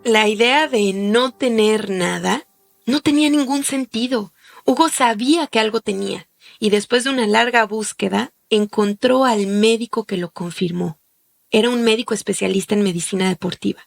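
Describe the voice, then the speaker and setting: A woman hosting a podcast, reading a scripted documentary narration in a measured, explanatory way. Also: medium pitch, vocal fry, no echo. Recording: faint music behind the voice.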